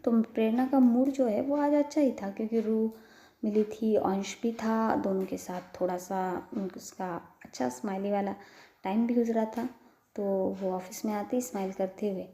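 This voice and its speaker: A woman's voice: fairly high pitch, steady tone, normal speed, warm tone. A woman telling a love story in a casual, chatty way, linking her sentences with many "so"s. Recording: echoey room.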